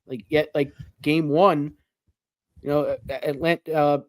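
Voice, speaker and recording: A man co-hosting a sports podcast in a relaxed, conversational way, full of "like" and "you know". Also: fairly high pitch, slow, dry recording, clean studio sound. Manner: conversational, lots of fillers like "like". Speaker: podcast co-host. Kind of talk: casual sports talk.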